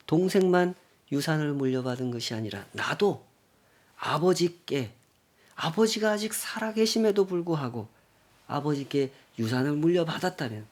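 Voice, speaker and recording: A male pastor giving a Sunday sermon, emphatic and full of rhetorical questions, dropping from loud lines to near-whispers. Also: a little high.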